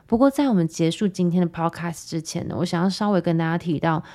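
A woman podcast host, telling a personal story in a chatty, animated way with sarcastic asides. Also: lowish voice, quick pace. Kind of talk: casual storytelling monologue.

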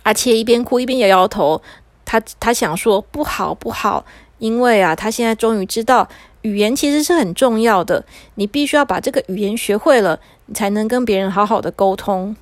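A woman narrating a children's story quickly, with a slightly preachy manner. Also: a little high, dry recording.

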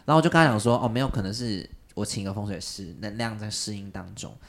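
A man casually telling a long story on a podcast, animated and jumping up in pitch when he quotes people. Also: quick pace, creaky. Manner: animated, jumps high when quoting people.

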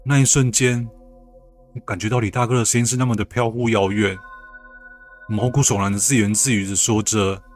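A man calmly narrating a first-person ghost story. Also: on the low side, brisk, soft background music.

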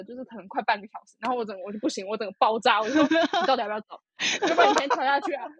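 A young woman, telling a story in casual podcast chat, animated and full of fillers. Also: high-pitched. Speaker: podcast co-host. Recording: dull lo-fi podcast audio.

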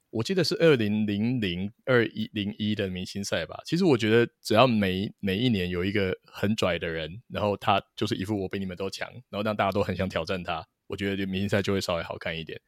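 A man's voice: low-pitched, no room sound, studio quality. A man co-hosting a casual podcast, opinionated and mixing English words into his speech. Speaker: podcast co-host. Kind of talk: casual sports chat.

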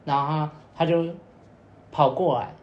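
Unhurried and steady in tone, a young man with a fairly high voice tells a long, casual story on a podcast, rambling with repeated fillers and acting out quoted lines. The audio sounds dull, with a roomy echo and faint noise.

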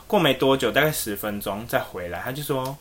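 A man's voice: medium pitch, brisk. A man, co-hosting a podcast and telling a rambling story with lots of fillers. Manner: animated, rambling, many fillers. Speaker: podcast co-host. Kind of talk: casual storytelling.

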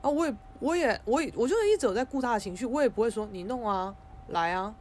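A young woman, hosting a podcast, telling a personal story in a casual, animated way, with frequent restarts. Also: sits high, very fast, slight background noise. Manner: animated, frequent restarts and stammers, mimics others in quotes. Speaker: podcast host.

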